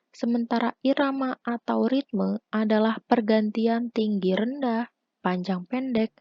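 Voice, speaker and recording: A young woman student presenting a lesson as a voice-over for slides, reading in a measured way that lists points one by one. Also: mid-range voice, no room sound, lo-fi sound. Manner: measured, read-aloud listing. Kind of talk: scripted lesson narration.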